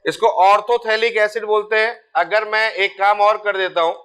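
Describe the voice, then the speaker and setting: A man's voice: high-pitched, little pitch movement, normal speed, a bit bright, clean tone. A man teaching chemistry, talking casually and repeating key terms while checking that students follow. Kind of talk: board lecture.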